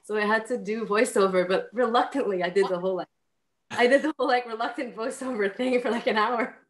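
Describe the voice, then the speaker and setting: A woman with a French accent telling an anecdote on a panel, animated and acting out what people said. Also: fairly high pitch, fairly quick. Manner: animated storytelling, acts out quotes. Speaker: actor on a reunion panel. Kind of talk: casual anecdote.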